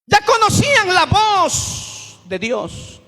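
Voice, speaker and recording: A male pastor delivering a sermon, breaking into sudden shouts for emphasis. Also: very high-pitched, huge pitch swings, takes it slowly, in a large hall.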